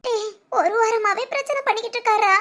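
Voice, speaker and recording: A woman voicing a worried middle-aged village mother in an animated family drama, talking in an anxious, hushed, pleading way. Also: very high-pitched, quick pace.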